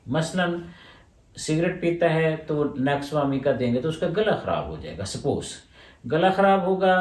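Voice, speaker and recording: A man's voice: medium pitch, a little mellow, distant mic. A man, a homeopathic doctor answering questions and explaining his points in order. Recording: roomy echo, voice from away from the mic.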